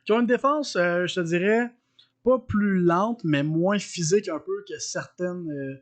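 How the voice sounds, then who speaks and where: A man's voice: high voice, a little slow. A man with a Quebec French accent, co-hosting a sports podcast in casual chat, hesitant with many fillers as he analyzes games.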